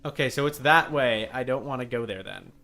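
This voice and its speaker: A man gives casual live commentary on a video game, wryly addressing both himself and the enemies on screen. His mid-range voice is fairly quick and sharp in tone, with noticeable vocal fry.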